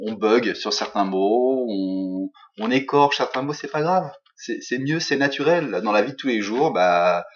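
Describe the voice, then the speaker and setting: French-accented male teacher, unhurried and filler-heavy, muffled lo-fi recording. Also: medium pitch, expressive, a little hiss or hum. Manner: hesitant, many fillers, switches between English and French. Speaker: English teacher. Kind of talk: recorded lesson feedback. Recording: dull lo-fi recording.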